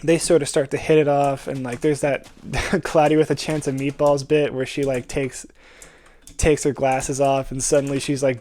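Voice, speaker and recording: A young adult man rambles casually while pitching a movie idea, wandering through the story in slangy, sweary language and slipping into bits of acted-out dialogue. His voice is a little high and a little mellow.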